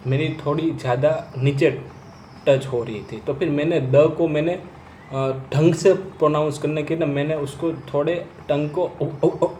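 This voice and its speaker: A man gives a slow, deliberate lesson on stammering, often repeating the first sounds of words as he stammers. His pace is very unhurried, with long pauses. The room is roomy and echoey, with a faint hum of ambience behind him. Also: a little high, fairly even intonation, mellow. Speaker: stammering coach. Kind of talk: instructional talk to camera.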